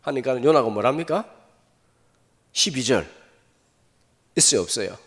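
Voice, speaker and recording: A man pastor preaching a sermon, telling the story in an animated way and tossing rhetorical questions to the congregation. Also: mid-range voice, a little slow. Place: church sanctuary. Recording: echoey hall.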